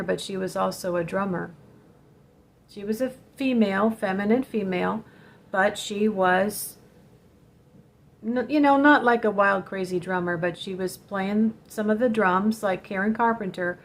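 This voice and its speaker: A woman hosting a vlog, telling a personal story in an earnest, direct way and warning her viewers. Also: medium pitch. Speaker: spiritual channel host telling a personal story.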